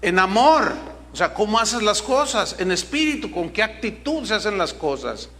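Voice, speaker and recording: A man's voice: high-pitched, big pitch swings, moderate pace, pushed and bright, slight background noise. A middle-aged man preaching a sermon as pastor, emphatic and full of rhetorical questions.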